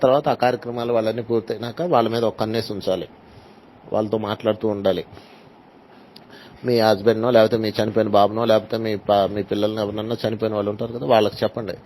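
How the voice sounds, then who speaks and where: A man's voice: on the low side, darkish tone, slight background noise, rough recording. Man telling a spiritual story. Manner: storytelling, acts out dialogue, mixes in English phrases. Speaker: spiritual teacher. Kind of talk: spiritual talk with personal stories.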